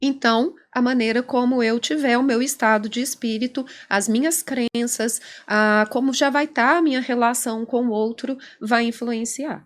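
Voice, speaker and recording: Brazilian woman, clinical psychologist guest, fairly high voice, animated explainer. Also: moderate pace, hardly any pauses. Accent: Brazilian Portuguese. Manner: animated, explanatory, acts out quoted dialogue. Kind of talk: conversational podcast interview.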